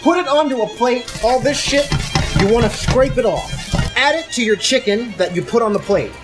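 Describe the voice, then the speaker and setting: Animated, tipsy cooking host over music. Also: mid-range voice, normal speed. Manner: tipsy, drunk; brash, irreverent, playful. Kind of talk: casual instructional cooking narration with swearing. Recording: music behind, sizzling pan. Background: music and frying sizzle.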